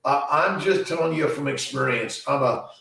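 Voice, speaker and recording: A man's voice: a little high, moderate pace, vocal fry, pushed and bright. A man in his fifties from Los Angeles, a doctor, rambling through viewer comments on a casual livestream. His voice sounds like it is echoing in a cave. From Los Angeles, USA. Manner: rambling, scattered, with many "uh, let's see" fillers. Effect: cave-like echo on the voice. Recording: very echoey, distant from the mic.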